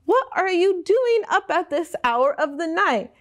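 A woman's voice: very high voice, very animated, slow pace, voice pushed up, heavily acted. A woman voicing a grown daughter who questions her mother in a storybook read-aloud, in a raised voice. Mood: puzzled. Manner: questioning, exasperated. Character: grown daughter Rosa, puzzled and scolding.

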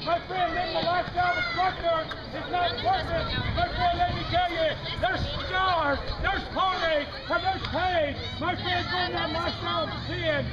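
A middle-aged man with a Southern US accent street preaching outdoors, pleading and repeating "my friend" again and again. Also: extremely high pitch. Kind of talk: open-air street preaching. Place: small-town street corner outdoors. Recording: muffled outdoor phone video, crowd and traffic. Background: crowd and traffic noise.

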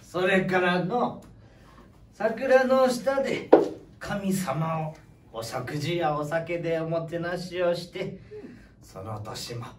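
A cheerful old grandpa, voiced by a woman, drawls his words in a folksy, chuckling way, his pitch swinging widely. He is heard from some way off in an echoey room with faint noise behind him. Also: animated, slow pace, recorded from a distance. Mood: storytelling. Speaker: co-presenter character.

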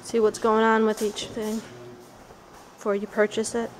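Here the same Western New York auction staffer narrates her walkthrough with a fairly high pitch and a completely flat delivery, moving at a moderate pace. She's plain and informal, fixing her own words as she walks the big vehicle warehouse. Her handheld camera mic catches plenty of warehouse noise.

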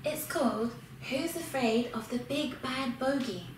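A woman reading a children's storybook aloud, slow and expressive in a high voice. She sounds distant in a very echoey room, with a faint hiss underneath.

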